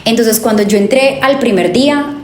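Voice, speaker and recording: A woman's voice: on the high side, moderate pace, a little hiss or hum. Young Colombian woman telling her story. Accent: Colombian, coffee region. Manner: animated storytelling with many fillers and self-corrections. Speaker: guest, tourism graduate. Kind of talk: conversational interview. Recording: echoey room with faint ambience.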